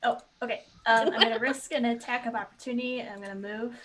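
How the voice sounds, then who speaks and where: A woman playing in a tabletop game, hesitant and giggly with lots of pauses. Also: fairly high pitch, steady tone, noisy background. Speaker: player. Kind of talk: tabletop game play over a call.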